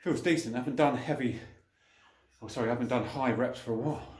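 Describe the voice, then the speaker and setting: A man's voice: medium pitch, fast, darkish tone. A man talking casually and colloquially to viewers between sets of lifting weights, as a fitness vlogger. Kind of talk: casual training vlog talk between sets. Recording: echoey room.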